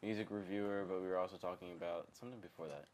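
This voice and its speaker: A man's voice: sits low, steady tone, racing, darkish tone. A young man co-hosting a casual let's-play, rambling and restarting his sentences, swearing freely. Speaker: gaming channel co-host.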